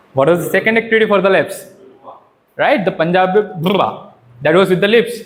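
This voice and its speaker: The speaker is a male trainer with a high-pitched voice giving an interactive workshop on public speaking. He teaches in an animated way, frequently asking questions and checking that everyone is following.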